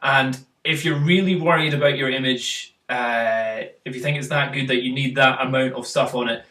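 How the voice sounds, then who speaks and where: Speaking at a moderate pace in a mid-range voice, this man has fairly even intonation and a bright, forceful tone. He's a chatty host of a casual photo critique who uses fillers, talks through pictures and tests his co-host with questions, captured on a distant mic in a roomy space.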